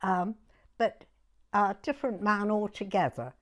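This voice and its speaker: This is an oral history interview with a woman in her nineties from Dorset who has a southern English accent. Her voice sits at a medium pitch, and she reminisces haltingly, hesitating and repeating words as she goes.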